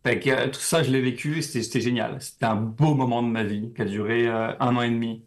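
A quick-talking young man from France, speaking as an interview guest. His pitch sits in a middle range. His speech rambles easily and is full of fillers. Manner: relaxed, rambling, frequent fillers. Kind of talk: casual interview conversation.

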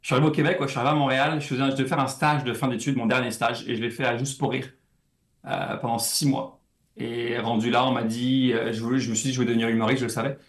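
A young man from France, guesting as a comedian in a laid-back interview, speaks French with a slight Québécois tilt. His mid-range voice holds a level tone at a quick pace, lively and peppered with repeated words as he thinks.

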